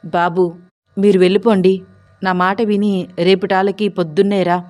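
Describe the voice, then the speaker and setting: A woman voicing a timid fifty-year-old male senior constable who speaks softly and pleads. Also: mid-range voice, level tone, normal speed, close to an everyday voice. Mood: pleading. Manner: soft-spoken, pleading.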